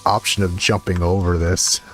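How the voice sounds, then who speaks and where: A man's voice: low-pitched, flat delivery, normal speed, a bit bright, faint music behind. A man streaming a game, musing aloud in casual commentary with frequent restarts.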